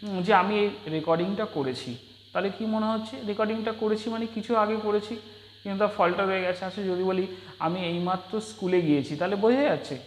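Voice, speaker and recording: A man teaching a spoken English lesson in Bengali, patiently repeating example sentences in slow drills. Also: sits high, slight background noise. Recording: echoey room with long reverb.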